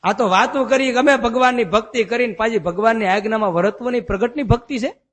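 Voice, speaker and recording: A man preaching a devotional sermon, chanting verses slowly and telling stories in a folksy way. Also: extremely high pitch, a bit bright. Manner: chants verses slowly, then explains in a folksy storytelling manner. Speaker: swami preacher. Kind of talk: Gujarati devotional sermon with storytelling. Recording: long hall reverb.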